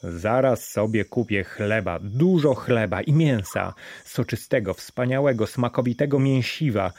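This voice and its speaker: A man's voice: mid-range voice, animated, measured pace, darkish tone, dry recording. A man voicing a poor, hungry widowed beggar who is eager and hopeful. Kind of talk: audiobook fairy tale reading.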